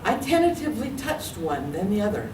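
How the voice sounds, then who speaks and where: An older woman with an American accent, a writer, reads a personal piece of her own expressively at a library-room public reading. She has a mid-range, sing-song voice and reads fairly quickly. The sound is echoey, from a distant mic, with faint noise.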